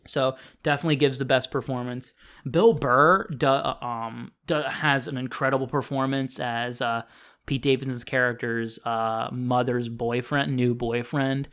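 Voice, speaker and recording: A man's voice: mid-range voice, fairly bright tone. A young man giving a casual, unscripted film review on a podcast, rambling with lots of fillers and restarts and swearing freely.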